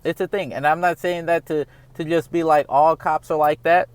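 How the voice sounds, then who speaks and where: An American vlogger in his thirties shares his views in a rambling, earnest, casual monologue, repeatedly returning to "all right?" His voice is on the high side, with a steady tone at normal speed, and the recording is clean with no room sound.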